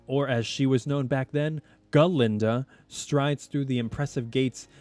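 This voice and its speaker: A man reading a screenplay aloud, adding animated, chatty asides and commentary. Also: medium pitch, no echo.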